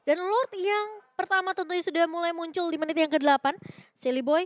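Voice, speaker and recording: Very high, fast Indonesian female esports caster. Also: steady tone, no echo. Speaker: esports shoutcaster. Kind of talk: live match play-by-play commentary.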